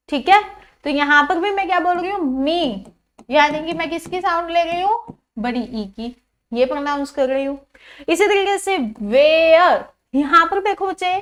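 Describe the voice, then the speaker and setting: Very high-voiced woman teaching vowels. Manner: repetitive, drawn-out example sounds and questions to pupils. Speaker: English teacher. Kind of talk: classroom pronunciation lesson.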